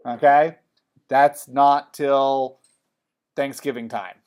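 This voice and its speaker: A male college theater design instructor teaching software in a casual classroom style, often checking in with the class. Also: mid-range voice, steady tone, slow, smooth. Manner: chatty, checks in with "okay?" often.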